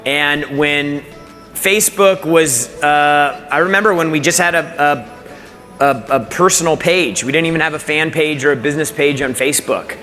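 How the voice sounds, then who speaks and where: A man hosts an interview on the stage of a large event hall, talking with energy and firing up the crowd. His voice sits a bit high and sounds bright and forceful. Long hall reverb hangs on his words, with faint music underneath. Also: normal speed. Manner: energetic, hypes the audience. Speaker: event host. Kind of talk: onstage interview.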